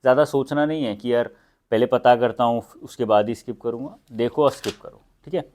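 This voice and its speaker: A man's voice: mid-range voice, a little fast, darkish tone. Indian man giving casual exam-prep advice. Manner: conversational, mixes English phrases into Hindi, frequent fillers. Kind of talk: casual instructional talk.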